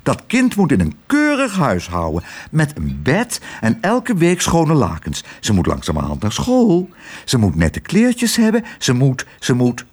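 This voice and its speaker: A man voicing a fussy, bossy middle-aged aunt who keeps insisting in a high, drawn-out voice. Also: wildly swooping pitch, a little mellow, husky, full character voice. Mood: insistent.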